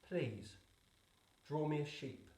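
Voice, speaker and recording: A man voicing a small, solemn, gently insistent boy in a storybook, with a soft little voice. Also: on the high side, animated, takes it slowly, reverberant, far from the mic. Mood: softly insistent. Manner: earnest, serious, politely insistent. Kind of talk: storybook reading.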